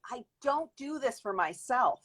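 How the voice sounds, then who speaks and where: This interview guest is a beauty industry worker in her fifties with a high, animated voice and a fairly bright tone. She speaks a little slowly, offering lengthy, thoughtful answers broken by frequent restarts.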